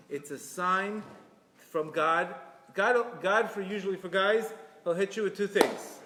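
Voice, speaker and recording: A man giving a lively religious class, acting out quoted voices and laughing often as he teaches. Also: on the high side. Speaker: Torah lecturer. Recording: echoey hall.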